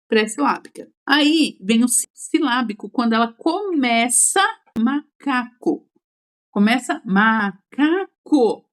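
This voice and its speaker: A woman teacher giving an exam-prep lecture, explaining step by step and checking in with quick tag questions. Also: fairly high pitch.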